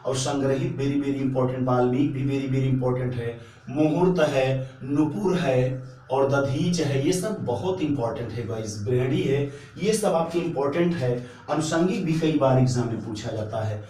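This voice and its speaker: A man's voice: medium pitch, normal speed, dark tone, a little hiss or hum. Man drilling spelling in an echoey room. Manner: repetitive drilling, asks and answers his own questions. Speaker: teacher. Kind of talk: exam-prep spelling lesson. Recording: echoey room, mic at a distance.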